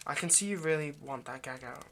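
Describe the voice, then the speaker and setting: The man's portrayal of the anxious, centuries-old vampire kidnapper, lovesick and addressing the listener in a halting, coaxing, rambling monologue, softens to a controlled tone. His voice is a little high and close to an everyday voice, with background noise.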